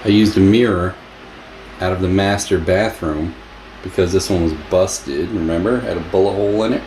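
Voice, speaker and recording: A man whose voice sits low and a little mellow speaks at a moderate pace in a casual home-repair vlog. His short, folksy remarks are picked up by a handheld camera, and the audio is noisy with a hum behind it.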